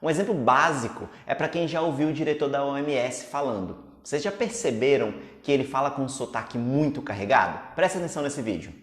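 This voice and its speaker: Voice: mid-range voice, animated, a little fast, few pauses, reverberant. A teacher with a Brazilian Portuguese accent, giving an online pronunciation lesson in an upbeat, chatty way. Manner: upbeat, chatty explaining to viewers.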